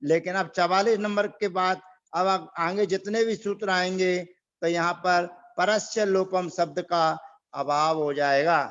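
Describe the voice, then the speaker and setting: A man teaching a Sanskrit grammar class online, reciting rules slowly and repeating them for the students. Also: high-pitched, fairly even intonation, a bit bright, dull audio. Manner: slow, repeats rules and drills pronunciation.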